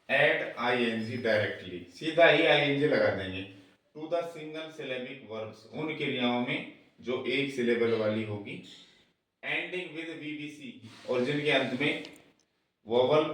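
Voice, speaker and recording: A man teaching English grammar in Hindi, spelling out letters and sounds slowly and repeating each rule in two languages. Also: medium pitch. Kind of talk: slow explanatory lesson, mixing Hindi and English. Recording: very echoey room, voice far from the mic.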